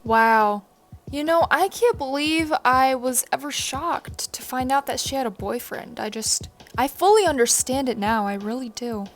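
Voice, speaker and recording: A young woman vlogging casually outdoors into a phone, blunt and excitable, swearing freely. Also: high voice, unhurried. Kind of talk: casual chat to camera. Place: sunny, windy backyard outdoors. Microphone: phone held by hand.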